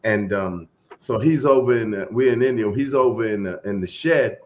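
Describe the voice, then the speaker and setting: Animated male storyteller, casual chat. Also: lowish voice, moderate pace. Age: 20s. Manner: animated storyteller, acts out voices and quotes.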